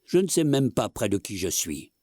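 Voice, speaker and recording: Give me a man playing a panicky, pleading gentleman from a storybook, low-voiced and dry. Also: very animated, normal speed, no room sound. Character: flustered middle-aged gentleman, pleading and timid.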